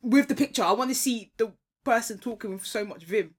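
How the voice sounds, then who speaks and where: A woman's voice: on the high side, a little fast. A young woman with a London accent chatting casually, with slangy and emphatic reactions. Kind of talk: casual chat.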